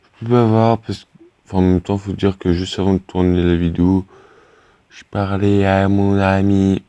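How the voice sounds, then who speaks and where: Low-voiced teen boy rambling over gameplay. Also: little pitch movement, moderate pace, dark tone, clear, resonant tone, dry recording. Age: teenager. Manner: rambling and hesitant, many fillers and restarts. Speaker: gaming YouTuber. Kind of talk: casual gameplay commentary.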